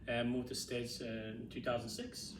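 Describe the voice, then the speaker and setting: A man from Turkey with a Turkish accent, explaining things in relaxed casual chat. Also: medium pitch, reverberant, recorded from a distance, slight background noise. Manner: relaxed, explaining, halting restarts. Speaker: guest.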